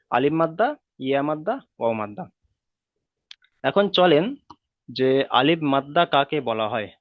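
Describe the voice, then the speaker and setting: A man's voice: mid-range voice, no room sound. Man teaching over a tinny online call. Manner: repeats rules slowly, drawing out vowel sounds. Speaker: Quran reading teacher. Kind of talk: online class lesson. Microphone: video call. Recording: tinny call audio, dry.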